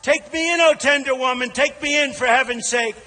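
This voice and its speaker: A man's voice: extremely high pitch, a little fast, bright, forceful tone, voice pushed up. An American man voicing a sly, venomous snake that pleads theatrically, in a verse fable recited as a rally speech. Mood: pleading. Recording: large echoing hall over PA.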